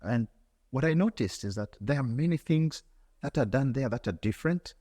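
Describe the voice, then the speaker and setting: A man's voice: mid-range voice, lively intonation, normal speed, mellow, in a large hall. A man from Tanzania, answering as an interview guest in an earnest, reflective way, often repeating words and restarting.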